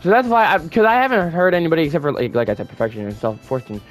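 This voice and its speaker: A man's voice: on the high side, very fast, faint music behind. A man giving casual online commentary, rambling with frequent self-corrections. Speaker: YouTube commentator.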